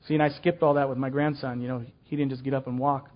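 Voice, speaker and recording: A man's voice: mid-range voice, level tone, fast talker, lo-fi sound. An older man teaching a children's ministry class in a casual, folksy way, full of fillers and restarts.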